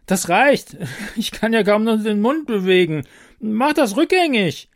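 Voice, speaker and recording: A frantic woman shrieks in a shrill, strained voice, as a man acts her out. Her pitch climbs high and swings wildly as she yells. The sound is dry and close. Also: animated, unhurried, no room sound. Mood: shrieking furious. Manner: shrill, yelling. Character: frantic, furious middle-aged woman, shrieking. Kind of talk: audiobook reading.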